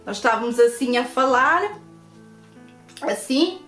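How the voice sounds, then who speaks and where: High-voiced Portuguese woman giving testimony. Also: animated, measured pace. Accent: European Portuguese. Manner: earnest, addresses viewers as friends. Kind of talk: personal faith testimony. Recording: echoey room with faint guitar music. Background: soft guitar music.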